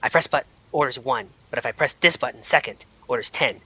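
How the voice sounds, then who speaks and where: A man's voice: mid-range voice, fairly quick, bright, forceful tone, breathy edge, low-quality recording. A man voicing a terse shopkeeper who speaks in clipped, broken sentences. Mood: matter-of-fact. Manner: clipped, few words, drops small words.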